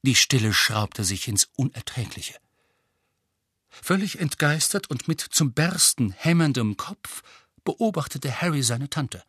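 A man's voice: mid-range voice, lively intonation, unhurried, fairly bright tone, breathy edge. A man narrating an audiobook in a vivid, dramatic reading. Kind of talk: scripted narration.

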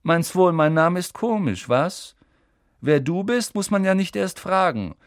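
A man's voice: high voice, animated, a little slow, no echo, clean studio sound, voice pushed up. A man voicing an arrogant, mocking rich schoolboy in an audiobook reading. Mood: sneering. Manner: drawling, mocking.

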